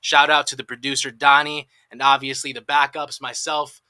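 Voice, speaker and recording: A man co-hosting a live dating podcast, reading shout-outs and plugs in an upbeat promotional way. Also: medium pitch, level tone, normal speed, smooth, no echo. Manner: promotional, upbeat announcer delivery. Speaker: podcast co-host.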